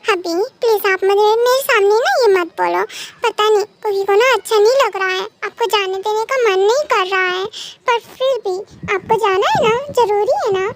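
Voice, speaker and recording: A woman voicing a childish, clingy young wife who pleads in a high childlike voice and calls herself by name, in a fan audio drama. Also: moderate pace, background noise. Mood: pleading. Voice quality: high childlike voice, refers to herself in the third person.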